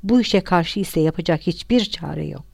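A woman's voice: lowish voice, normal speed, gravelly, no echo. A woman reading the lines of a young man who mockingly and relentlessly taunts his enemy. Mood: taunting. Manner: mocking, relentless, eerily calm. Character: young male refugee, coldly taunting and vengeful.

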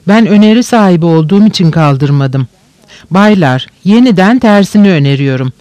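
A brisk, insistent woman running a meeting, read by a man in an audiobook. The voice sits high and is set down dry and close. The tone stays firm and procedural. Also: a little mellow, no room sound. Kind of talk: audiobook reading.

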